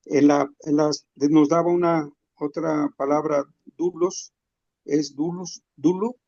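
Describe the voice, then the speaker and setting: A man, a student in an online class, asking halting, hesitant questions. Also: a little high, fairly even intonation, a little mellow, dry recording, muffled recording.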